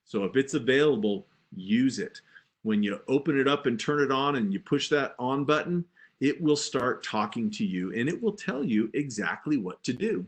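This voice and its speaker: A man's voice: mid-range voice, expressive, moderate pace. A man teaching first aid in an informal, plain-spoken and reassuring way, explaining things conversationally as an instructor.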